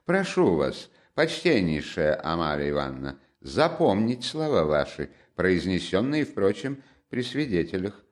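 Male narrator as a prim, coldly courteous official, low and quiet. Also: big pitch swings, a little slow, hardly any pauses. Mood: pompous. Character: cold, pompous middle-aged official man.

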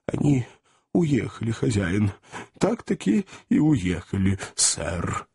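A man voicing a timid, breathless male servant reporting news to his master, with a husky voice. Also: medium pitch, big pitch swings, dark tone, exaggerated voice. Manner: timid, halting.

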